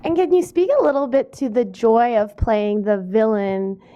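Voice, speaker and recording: A woman's voice: fairly high pitch, normal speed, dark tone. A woman hosting an interview, asking long run-on questions in a friendly way. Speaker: interviewer host.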